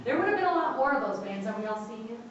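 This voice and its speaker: A woman's voice: on the high side, big pitch swings, rapid-fire. A woman working as a tour guide, giving an informal guided tour inside an echoing cave, pointing things out and instructing her group. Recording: echoing cave reverb, distant muffled mic, faint noise.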